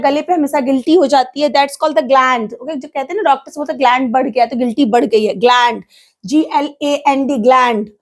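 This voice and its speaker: A woman teaching English vocabulary in Hindi, spelling each word out slowly letter by letter and checking in with "ok" and "theek hai". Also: sits high. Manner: explains in Hindi with English words mixed in. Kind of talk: spoken English vocabulary lesson.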